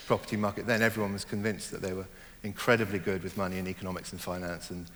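A middle-aged man talks through his ideas in an interview, slowly and reflectively, often pausing and restarting his sentences. His voice sits fairly low. The room has a long reverb and a faint hum in the background. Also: flat delivery, a bit bright. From born in Germany, raised in Hong Kong. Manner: thoughtful, hesitant, many fillers and restarts. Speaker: novelist, interview guest.

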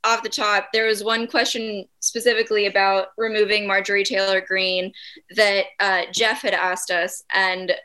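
A woman co-hosts a casual podcast with a bright, forceful tone. She is playful and jokey, and she laughs easily. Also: medium pitch, little pitch movement, normal speed, clean tone. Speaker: podcast co-host. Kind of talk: casual chat.

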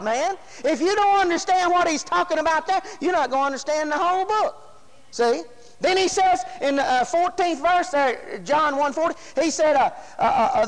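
A male preacher delivers a folksy, fervent sermon, repeating himself and breaking into exclamations. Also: very high voice. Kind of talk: sermon with scripture reading. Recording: echoey hall with long reverb.

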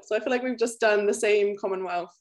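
A friendly woman co-hosting a podcast, her voice at a middling pitch. She chats casually and laughs easily. Her talk stays warm and relaxed. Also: quick pace, crowd noise. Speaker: podcast co-host.

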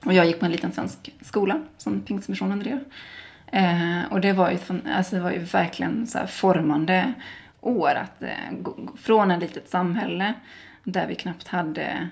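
A woman from Sweden answering interview questions in a relaxed, rambling way, full of small fillers. Her voice sits on the low side and has a gravelly, fry-laden edge. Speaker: interview guest. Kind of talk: casual interview conversation.

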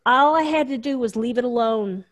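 A woman telling a personal story in casual chat, animated and full of fillers. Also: a little high, a little fast. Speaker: guest storyteller.

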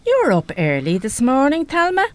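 In a live radio play, an actress voices a weary, no-nonsense older working-class mother with an Irish accent and a blunt, wry, grumbling manner. Her voice sits high, with wildly swooping pitch at a normal speed. The mood is wry and matter-of-fact.

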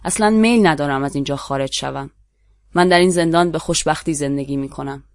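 Measured Persian storyteller, dry close sound. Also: mid-range voice, no echo. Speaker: narrator. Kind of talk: literary story reading.

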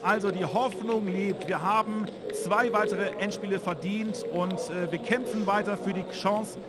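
A man doing live football commentary on the radio in an excitable way. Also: sits high, moderate pace, heavy background noise.

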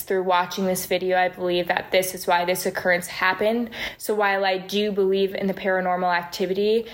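Woman interviewee, telling a personal story in a level, flat voice with little melody. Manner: flat, steady storytelling voice with few pitch swings. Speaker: interviewee recounting a paranormal experience.

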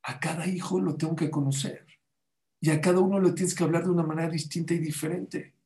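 A man's voice: fairly high pitch, steady tone, brisk, a little mellow, echoey room. A man giving a sermon-style talk as a religious teacher, putting rhetorical questions to his audience and quoting Hebrew sources.

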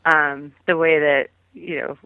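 A woman's voice: low voice, fairly even intonation, slow pace, no echo. Woman chatting over a tinny phone line. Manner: chatty, rambling with many fillers. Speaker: guest. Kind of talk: casual phone interview. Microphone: phone call.

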